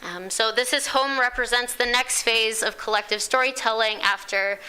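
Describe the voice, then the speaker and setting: A woman's voice: a little high, moderate pace, pushed and bright, clear, resonant tone. A woman giving a casual community presentation, with frequent ums and self-deprecating asides. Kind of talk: public talk to a small audience.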